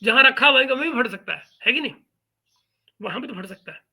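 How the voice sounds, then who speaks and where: Bright-voiced, mocking male commentary host. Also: very high voice, expressive, fairly quick, breathy edge. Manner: mocking, sarcastic. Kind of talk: reaction commentary.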